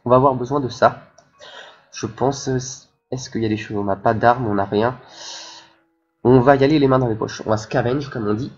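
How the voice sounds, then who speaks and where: A man's voice: medium pitch, moderate pace, highs cut off. A man hosting a let's play, commenting as he plays and thinking aloud with many hesitations. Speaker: gaming channel host.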